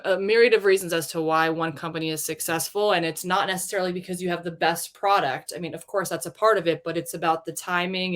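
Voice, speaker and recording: A woman hosting an interview show, upbeat and full of praise for her guest, talking over a video call. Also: lowish voice. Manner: enthusiastic, effusive with praise. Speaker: host.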